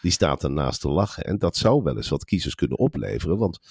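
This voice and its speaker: A man co-hosting a podcast in casual political chat, talking in an animated, gossipy way and acting out quotes. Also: rumbling low, brisk, creaky, breathy edge, dry recording, studio quality. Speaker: podcast co-host.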